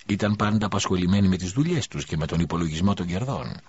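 A man narrates a story in an even, measured way. His deep voice has a husky grain to it. The recording is dull and lo-fi. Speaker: audiobook narrator. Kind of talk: scripted narration.

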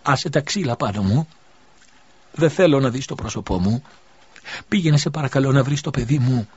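A faint, pleading widow on the edge of death, as a male audiobook reader puts her on. Her voice rides higher than the reader's own and stays husky and tender. The recording sounds dull and lo-fi. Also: lively intonation, darkish tone, dry recording. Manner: faint, pleading, breathy delivery. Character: dying widow mother, weak and tender.

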